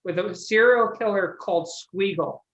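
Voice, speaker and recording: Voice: mid-range voice, moderate pace, fairly bright tone, dull audio. A podcast panelist in casual chat, enthusiastic and rambling, swearing freely while retelling something.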